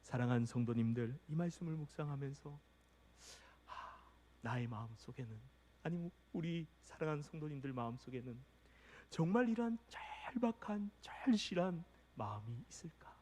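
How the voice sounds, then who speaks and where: A man preaching a sermon as pastor, impassioned, swinging between hushed, near-whispered passages and loud, urgent calls. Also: fairly high pitch, animated, fairly quick, in a large hall.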